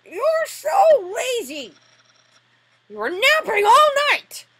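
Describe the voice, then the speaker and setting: A woman voicing a loud, boastful skeleton man who loves puzzles, in a shouty, theatrical way. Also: extremely high pitch, huge pitch swings, slow, pitched above the performer's own voice, full character voice, low-quality recording.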